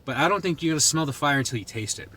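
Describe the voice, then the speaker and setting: A New England man with a Boston accent taste-tests food and reviews it in a rambling, casual chat to the camera, thinking aloud throughout. His voice leans high and sharp, rapid-fire with lively intonation, against noticeable background noise.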